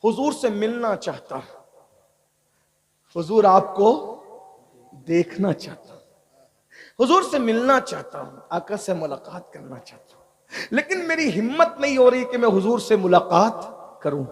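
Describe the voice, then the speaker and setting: A man's voice: high voice, very animated, a little slow, long pauses, heavily acted. A man voicing a remorseful young male sinner who pleads and repeats his confession in a sermon story. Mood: pleading.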